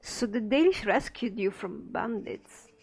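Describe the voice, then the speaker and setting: A woman's voice: a little high, animated, unhurried, vocal fry, a little mellow, breathy edge, exaggerated voice. An actress playing a female mage hero who asks plain, blunt questions, from a game. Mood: curious.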